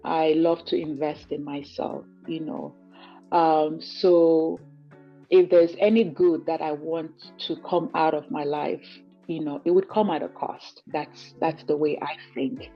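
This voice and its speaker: A woman from Cameroon speaks in a notably low voice, earnest and reflective, often leaning on "you know" as she explains. The call audio is dull and lo-fi, with faint music underneath. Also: steady tone, measured pace. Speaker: guest giving a client testimonial. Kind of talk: conversational interview over a call.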